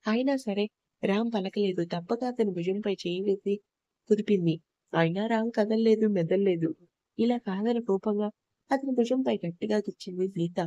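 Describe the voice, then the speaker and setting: A woman narrating an audio love story in a steady, even storytelling manner. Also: medium pitch, no room sound, highs cut off.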